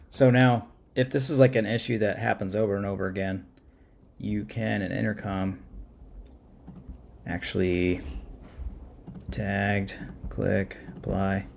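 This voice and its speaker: Indoors at his computer, a man gives a casual, unscripted screen-share walkthrough of some software. His voice is very low and gravelly and his delivery flat, and he pauses and thinks aloud informally as he goes. Keyboard clicks and noticeable background noise surround his speech.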